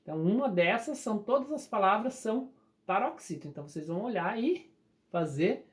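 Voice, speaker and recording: Here a teacher with a Brazilian Portuguese accent patiently explains grammar in a recorded lesson, slowly drawing out key words. The intonation is lively, the voice mid-range.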